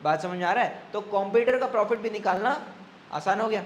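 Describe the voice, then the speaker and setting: High-voiced man teaching accounts. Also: a little hiss or hum. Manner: repeats key phrases, checks understanding often; slows down to dictate formulas. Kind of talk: classroom lecture.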